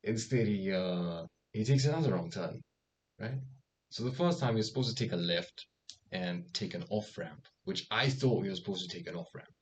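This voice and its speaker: A young man telling a casual anecdote, animated, acting out the voices of the people in it and swearing freely. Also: sits low, moderate pace. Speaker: storyteller.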